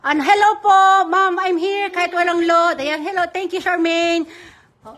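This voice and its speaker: Woman, live-stream host, casual chatty shout-outs, sharp bright tone, very high voice. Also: fairly even intonation, unhurried. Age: adult mother. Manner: chatty, reads viewer comments and gives shout-outs. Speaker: livestream host running a giveaway.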